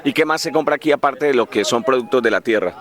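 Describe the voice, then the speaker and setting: Brisk man questioning people outdoors. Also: medium pitch, crowd noise. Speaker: TV reporter. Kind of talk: field interview. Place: outdoors at a river port at dawn.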